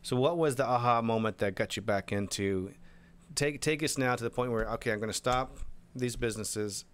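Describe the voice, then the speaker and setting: A man hosting a podcast, asking questions in a halting way with many restarts and some teasing. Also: mid-range voice, slight background noise. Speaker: podcast host. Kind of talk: casual interview.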